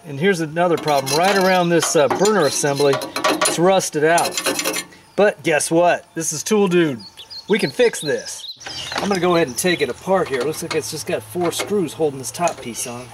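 A man in his forties hosts a casual DIY how-to video outdoors in a yard, chatting in a chatty, folksy way while working with his hands. His voice is fairly high-pitched at a moderate pace. Birds and outdoor ambience fill the background, along with outdoor hiss.

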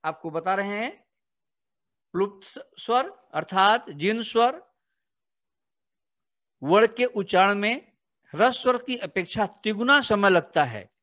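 A teacher giving a grammar lesson to children, explaining slowly and deliberately and often speaking to the class directly. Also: medium pitch, animated, a bit bright, no echo. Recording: dull, slightly lo-fi, dry recording.

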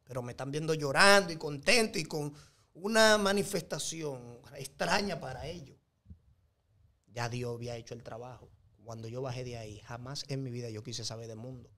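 A man's voice: mid-range voice, pushed and bright. A man with a Dominican accent giving an earnest, emphatic faith testimony as an interview guest, with a preacher-like cadence. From Dominican Republic.

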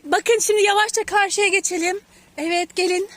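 A woman's voice: very high voice, steady tone, normal speed. A woman teacher walking her class outdoors, asking the children questions as they go. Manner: talking while walking, tired. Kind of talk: guiding a class on a nature walk. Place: outdoors on a street and in gardens. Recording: children chattering around, outdoors.

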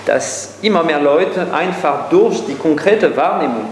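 Older man, echoey hall, animated. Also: on the high side, unhurried. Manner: animated, gesturing widely, thinking aloud with many fillers. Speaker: guest speaker. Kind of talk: panel discussion answer. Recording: echoey hall with faint hum.

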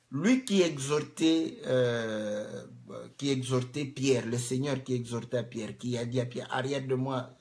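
A man preaching a sermon, rising to loud emphatic peaks, acting out cries of pain and asking the congregation rhetorical questions. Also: mid-range voice. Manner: acts out cries of pain to make a point; asks the audience rhetorical questions.

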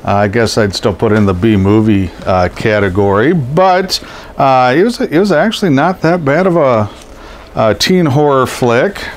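Going through boxes of posters indoors, a middle-aged collectibles seller gives a casual show-and-tell in a medium-pitched, expressive voice at a moderate pace. A head cold leaves him scratchy and congested. He rambles along with plenty of ums and uhs.

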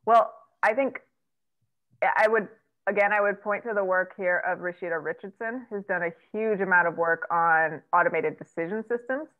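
A woman in her thirties, appearing as a keynote guest on tech ethics, answers questions conversationally over a video call from a room at home, using many fillers and restarts while gesturing. Her lowish voice moves at a moderate pace, picked up by an earbud headset. The audio is dry and tinny, with no echo.

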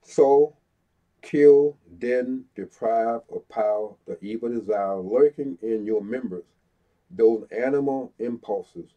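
Seated in a small room against a brick wall, a middle-aged man teaching the Bible reads scripture aloud at a slow, deliberate pace with pauses. His mid-range voice sounds stuffy-nosed, and the fixed head-and-shoulders camera yields dull lo-fi audio.

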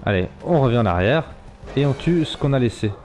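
A man streams a live game, chatting loosely, swearing, and talking to the animals he rides as he comments on the action. His voice is medium-pitched, expressive, brisk, and a little mellow, with a slight hiss or hum.

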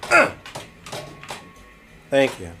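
A man streaming a pinball game live, joking around, laughing a lot and calling out to his viewers, a little tipsy from cider. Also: very slow. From Brooklyn, New York. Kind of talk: casual live-stream commentary. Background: faint game music.

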